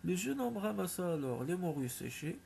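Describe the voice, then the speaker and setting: A man narrating a folk tale with a steady, expressive reading. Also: high voice, normal speed, vocal fry, slight background noise. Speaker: storyteller.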